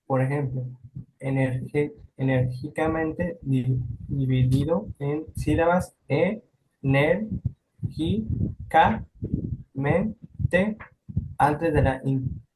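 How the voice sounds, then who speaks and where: A man's voice: medium pitch, fairly even intonation, slow, mellow, slight background noise, low-quality recording. A man, a student answering in class, who stumbles over words as he reads.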